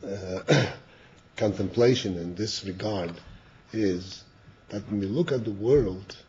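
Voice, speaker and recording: An older male rabbi gives a slow, halting class, repeating words and clearing his throat. His voice is mellow and lowish. The recording is dull and lo-fi with a faint hiss. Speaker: rabbi teaching Chassidus.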